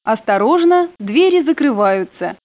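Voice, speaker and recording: Prerecorded train announcements are read by a woman in a polite, formal manner, played over the train's intercom. Her fairly high voice swings widely in pitch at an unhurried pace, and the sound is narrow, dry and phone-like.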